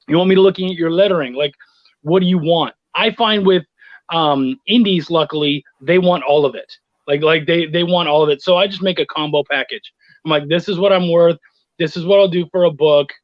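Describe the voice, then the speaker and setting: Over lo-fi livestream audio without room sound, a middle-aged interview guest who works as a freelance writer and editor talks fairly quickly in a slightly high voice. Relaxed and chatty, he tells anecdotes and acts out bits of conversation.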